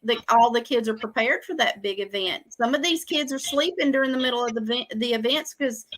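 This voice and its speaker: A woman's voice: on the high side, fairly quick, fairly bright tone, low-quality recording. A woman interviewing a young player, chatty and encouraging. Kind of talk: casual interview.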